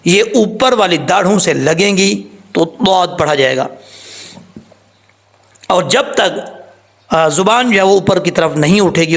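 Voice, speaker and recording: A man with a gravelly, slightly high voice gives a tajweed lesson on Quran recitation. He explains each rule patiently and warns against common mistakes. He speaks as a voice-over on a screen recording. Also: fairly bright tone. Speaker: Quran teacher.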